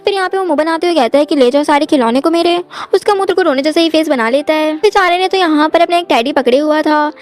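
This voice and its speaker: A woman's voice: sits high, fast, few pauses. A woman narrating a drama recap in a storytelling manner, repeating the same linking phrases. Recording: faint background music.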